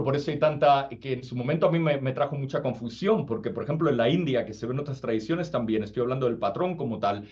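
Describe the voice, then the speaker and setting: A man's voice: medium pitch, darkish tone. A man giving an informal spiritual talk, casual, often checking whether the listener follows. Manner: casual, asks "does it make sense?" often. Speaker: spiritual teacher. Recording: slightly dull sound, faint music.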